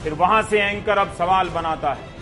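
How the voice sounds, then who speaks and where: A man's voice: sits high, moderate pace, music in the background. A man delivering scripted TV news commentary in a sarcastic, rhetorical way, speaking straight to the viewer.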